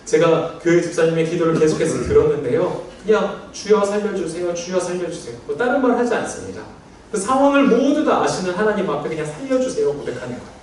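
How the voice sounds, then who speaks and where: A male pastor giving a sermon in a church, speaking in a gentle, conversational way and leading the congregation in readings. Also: on the high side, slight background noise. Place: church sanctuary. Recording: very echoey church hall, mic at a distance.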